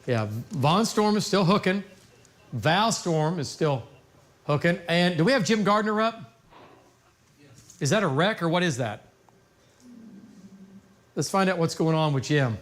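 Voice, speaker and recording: A man's voice: on the high side, animated, measured pace, pauses often. An American man anchoring live severe weather coverage off the cuff, folksy and emphatic, repeating phrases for stress. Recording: noticeable background noise.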